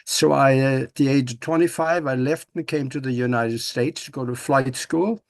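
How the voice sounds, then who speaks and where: A man's voice: mid-range voice, normal speed, no room sound. An older man from Norway, a guest in a casual interview, talking in a folksy, upbeat way with many restarts and "uh"s.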